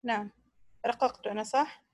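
A woman student slowly reciting Quran verses and checking her reading with her teacher. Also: fairly high pitch, dry recording. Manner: recites slowly, asks for confirmation. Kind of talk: reciting Quran and asking questions.

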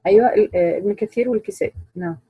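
A woman teaching a Quran recitation class, explaining rules in a measured way and quizzing her students. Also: mid-range voice, breathy edge, no room sound, lo-fi sound.

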